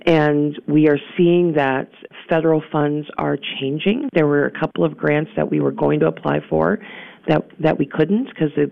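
This is a gravelly voice heard over a tinny, dry phone line. The guest explains their organization's work earnestly, pausing often on "um" and restarting phrases. They sound like a community service worker being interviewed on the radio. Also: medium pitch, no echo. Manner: earnest, with frequent "um" pauses and restarts. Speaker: guest from a local survivor services center.

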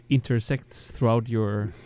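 Chilean male guest, non-native English, slow, clear voice, hesitant. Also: medium pitch, fairly even intonation. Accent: Chilean Spanish. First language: Spanish. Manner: hesitant, many ums and restarts, chuckles softly. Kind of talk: interview, casual chat.

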